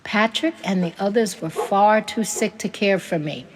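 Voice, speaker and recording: A woman voicing a grieving older immigrant farm woman, telling old family memories in a gentle, tearful way. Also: medium pitch, normal speed, long reverb tail, noisy background, natural voice. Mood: wistful.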